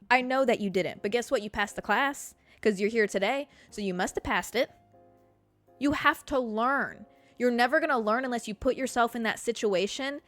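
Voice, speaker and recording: A woman in her mid-twenties with a fairly high, fairly bright voice hosts a podcast, recorded with no echo. In a casual motivational monologue she gives listeners a blunt, profanity-laced pep talk, addressing them as babe and girl.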